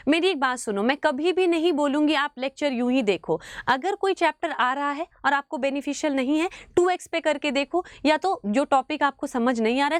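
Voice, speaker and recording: A high-pitched woman teaches biology in an exam-prep lecture. Her voice swings widely as she coaxes students and slowly drills key words. The sound is dry and close. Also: no room sound. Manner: animated, mixes English into Hindi, calls students "beta".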